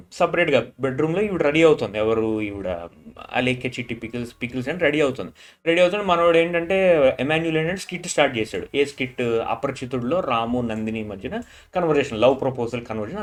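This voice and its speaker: A man casually recapping a reality show episode. He drops his voice when he quotes people and keeps repeating filler tags. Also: on the high side. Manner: retells scenes, dropping his voice for quoted lines.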